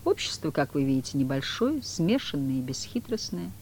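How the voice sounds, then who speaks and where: A woman voicing the devil as a commanding, sardonic older man who speaks in a measured, imperious way. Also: deep voice, big pitch swings, darkish tone, slightly rough, heavily acted.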